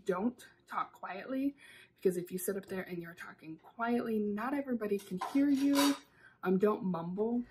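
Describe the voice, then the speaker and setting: A young woman with an American accent, a youth club staff member giving an upbeat, expressive instructional talk to young people, with some ums along the way. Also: medium pitch, slight background noise, rough recording.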